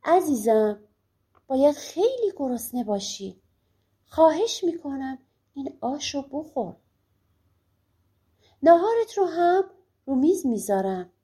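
A woman's voice: sits high, mellow. A woman voicing a devoted young wife who speaks earnestly and tenderly, in a storybook reading.

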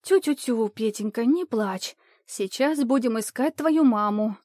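A woman's voice: on the high side, measured pace, mellow, no room sound, studio quality. A woman reading a flustered young woman who keeps asking startled questions, in an audiobook. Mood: fretful.

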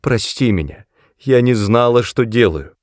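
A man's voice: moderate pace, darkish tone, dry recording, studio quality, close to an everyday voice. A man voicing a desperate teenage girl who begs her mother, in a raised, tearful voice. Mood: pleading. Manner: high tearful begging voice.

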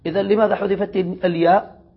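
A man's voice: sits high, level tone, fast talker, breathy edge. A man teaching a classical Arabic grammar lesson, reading the text aloud, explaining it and quizzing his students. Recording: dull lo-fi lecture recording.

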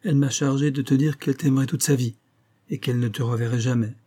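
Voix d'homme : un homme qui lit un médecin froid et mesuré, timbre sombre. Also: male voice, medium pitch, steady tone, mellow, lightly acted. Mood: cool. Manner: measured, cool. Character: male doctor friend, cold, measured.

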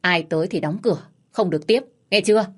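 A woman's voice: on the low side, brisk, close to an everyday voice. A woman voicing a stern older landowner father who barks orders. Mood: commanding. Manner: gruff, commanding.

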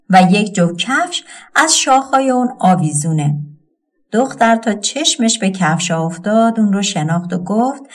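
A woman narrating a folk tale audiobook with an expressive storytelling cadence. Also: medium pitch.

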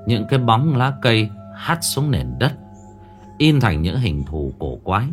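Expressive male horror storyteller. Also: on the low side, a little slow. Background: faint music.

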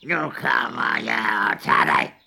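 A man voicing a menacing, gruff bridge troll in a children's fairy tale reading, with a gravelly, booming, drawn-out delivery. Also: big pitch swings, sharp tone, heavily acted.

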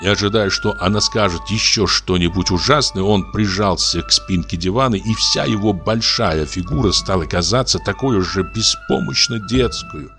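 A man reads a literary story aloud in a measured, expressive audiobook style. His voice sits on the low side, and soft music plays faintly underneath. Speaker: audiobook reader.

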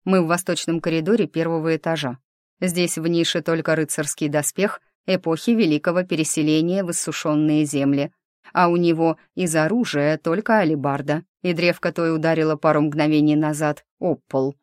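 A man's voice: on the high side, brisk, smooth, no room sound, studio quality, close to an everyday voice. A woman voicing a wry blind man. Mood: calm deduction. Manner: calm, wry, softly insinuating. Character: blind dark-haired man, ironic and insinuating.

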